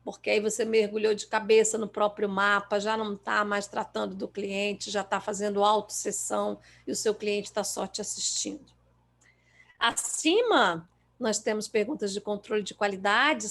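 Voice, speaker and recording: A woman with a Brazilian Portuguese accent giving a lecture on coaching questions, lively and emphatic, acting out how clients reply. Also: medium pitch, moderate pace. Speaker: coaching trainer.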